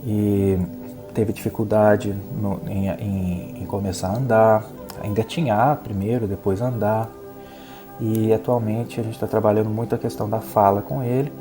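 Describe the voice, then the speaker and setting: A man from Brazil with a Brazilian Portuguese accent, giving a spiritist lecture and telling a personal story in an earnest, reflective way, halting with many fillers. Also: on the low side, fairly even intonation, music in the background. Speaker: guest speaker at a spiritist center.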